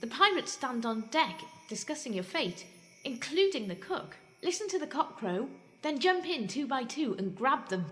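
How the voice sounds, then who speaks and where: A stately fairy speaks in formal, old-fashioned phrases, her pitch lively and fairly high, as a woman voices her. Faint music and chimes sit under a long reverb. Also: normal speed. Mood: solemn. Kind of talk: amateur audio pantomime.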